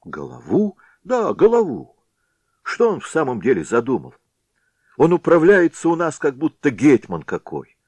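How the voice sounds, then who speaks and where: A burly young village prankster from an old storybook tale, loud and eager, his voice jumping high with excitement. A man reading the book puts him on. Dry, close sound. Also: normal speed, no echo. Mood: indignant. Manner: boisterous, eager.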